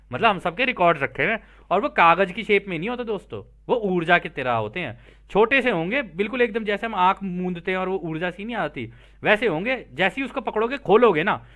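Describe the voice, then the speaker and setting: This explainer host, whose voice sits high with a bright, forceful tone, reads a translated text aloud and interrupts himself to explain it in a casual way. He talks directly to listeners, regularly checking in with them.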